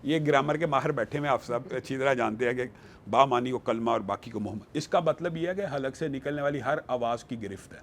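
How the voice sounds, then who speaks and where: A man's voice: medium pitch, vocal fry, a bit bright, a little hiss or hum. A man speaking emphatically as a panelist in a studio discussion, quoting scripture to build his argument. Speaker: religious panelist.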